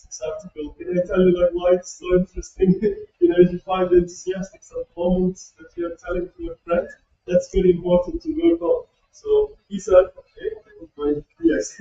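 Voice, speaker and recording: Male workshop lecturer, lively sing-song delivery, gravelly edge. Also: high-pitched. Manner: chatty, laughs often, fills with "you know". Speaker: workshop speaker. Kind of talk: lecture on academic writing. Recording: roomy, distant, dull sound.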